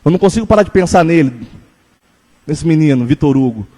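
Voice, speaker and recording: A man preaching a sermon as a pastor, telling a personal story earnestly and slowing down to stress key points. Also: on the high side, animated, warm tone, big-room sound. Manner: earnest storytelling, slows for emphasis.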